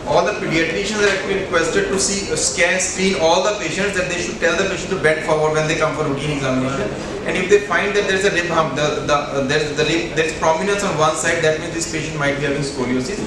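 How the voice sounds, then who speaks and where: A man's voice: high voice, noisy background. Echoey, distant Indian man lecturing. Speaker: spine surgeon giving a lecture. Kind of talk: medical conference presentation. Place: hotel banquet room, indoors. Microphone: handheld microphone, heard through distant camera. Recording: echoey room from afar, audience murmur.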